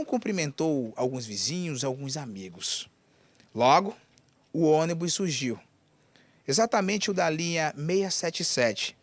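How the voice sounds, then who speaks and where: A male TV reporter with an Amazonas Brazilian accent narrating a scripted news story in a dramatic way. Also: dry recording. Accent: Amazonas Brazilian Portuguese. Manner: dramatic storytelling delivery with wide pitch swings.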